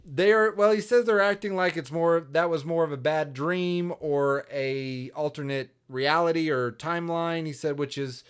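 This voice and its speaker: A man with a smooth, resonant, somewhat high voice co-hosting a casual podcast. He jokes around and talks in quick, enthusiastic bursts. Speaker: podcast co-host and voice actor.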